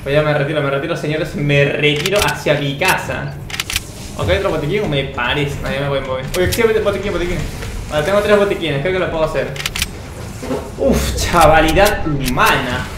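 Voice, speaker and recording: A man, talking to himself over his own gameplay. He is excitable and curses often, with a fairly high voice. The sound is roomy and echoey, with loud noise behind him. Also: fairly quick. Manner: excitable, swearing, talks to himself. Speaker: gameplay streamer. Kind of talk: live gameplay commentary.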